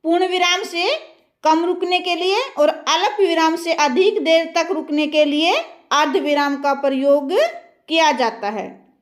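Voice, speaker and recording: A woman's voice: very high-pitched, steady tone, measured pace. A young woman teaching a grammar lesson, posing questions to her students and answering them herself.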